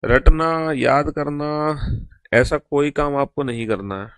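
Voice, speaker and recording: A man's voice: fairly high pitch, slow pace, clean tone, no room sound. A male English teacher giving an online class in Hindi, reassuring students and repeating his instructions in a coaxing way. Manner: coaxing, repetitive, calls students beta.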